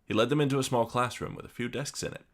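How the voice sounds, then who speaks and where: Talking quickly in a mid-range voice, a podcast host jokes in a dry, deadpan way and reads a story aloud. His casual chat is full of fillers.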